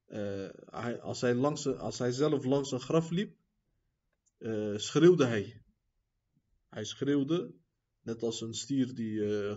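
A man gives a religious lesson in a relaxed, mellow tone, reading passages quickly before explaining them slowly with frequent fillers. He checks in with his listeners again and again. The recording is muffled and dull. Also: mid-range voice. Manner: reads quotes quickly, then explains at length with many fillers and "zie je?" asides. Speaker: religious teacher.

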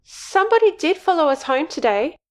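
A woman narrator voices a timid young girl with a small, high voice. She sounds nervous and hesitant in a storybook reading. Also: very animated, a little fast.

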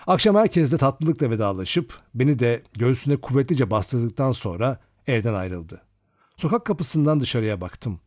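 A male narrator reads a novel aloud with expressive storytelling, his pitch rising and falling in a lively way. The recording is dry and close, with almost no room sound. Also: dry recording. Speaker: audiobook narrator.

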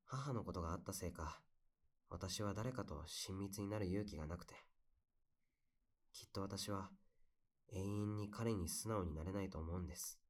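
A young man playing a heartbroken guy who softly confides about lost love in casual, wistful, intimate pillow talk. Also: low voice, normal speed, pauses often. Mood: wistful, quoting. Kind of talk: intimate pillow-talk audio role-play.

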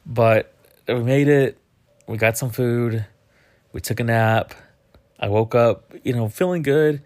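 A man's voice: medium pitch, slow pace, darkish tone. A man in his mid-thirties co-hosting a casual podcast chat with his wife, laid-back and rambling, poking fun at himself. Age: 30s. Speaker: podcast co-host.

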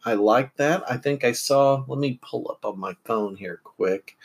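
A man's voice: mid-range voice, unhurried. A middle-aged man from central Illinois hosting a casual morning podcast from home, rambling with many fillers and restarts. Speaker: podcast host.

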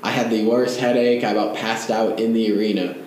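A young man chatting casually on a podcast, telling a rambling, animated story with a slightly hoarse voice. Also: fairly low pitch, brisk. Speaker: college wrestling teammate. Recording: echoey room with faint noise.

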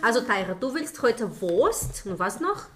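A Brazilian woman, likely in her thirties, who is a mother giving a casual family language lesson with slow emphatic repetition and frequent laughter. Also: on the high side, sing-song, slight background noise. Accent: Brazilian Portuguese.

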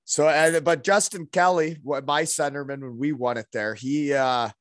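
A man's voice: a little high, steady tone, moderate pace, dry recording, studio quality. A man with a Canadian accent hosting a casual interview, bantering in hockey-bro slang and often tagging on "eh". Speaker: interviewer and former hockey player. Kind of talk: casual chat.

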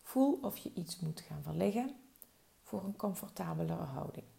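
A woman guiding a slow body-relaxation meditation with soft, soothing instructions. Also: fairly low pitch, animated, vocal fry. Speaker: relaxation guide.

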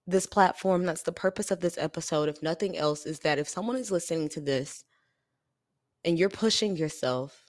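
A tired woman speaks earnestly into a close microphone, confiding with a slightly low voice. The sound is dry, with no room around it. She lets in soft laughs now and then as she reflects on her own podcast. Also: no echo. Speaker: podcast host. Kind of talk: reflective solo podcast talk.

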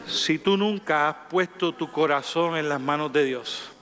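A man leading a congregation in fervent sermon prayer, repeating phrases of worship and sometimes dropping to a soft near-whisper. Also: on the high side, measured pace. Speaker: pastor.

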